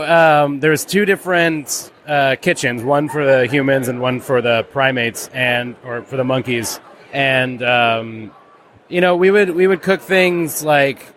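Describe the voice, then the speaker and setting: A man's voice: mid-range voice, a bit bright, a little hiss or hum. Rambling casual male comics creator. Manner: rambling, lots of "like" and restarts. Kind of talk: casual interview answers.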